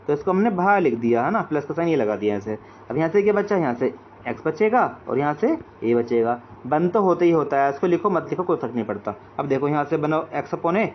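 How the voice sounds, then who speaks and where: High-voiced man teaching math, lo-fi. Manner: repeats check-in phrases like "okay friends". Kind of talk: explaining step by step. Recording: dull lo-fi audio with faint hiss.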